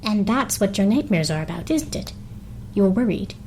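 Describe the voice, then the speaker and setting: A woman voicing a stern, earnest pony princess in a dramatic comic reading, speaking in a formal, measured manner. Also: medium pitch, sing-song, a little mellow, a little hiss or hum.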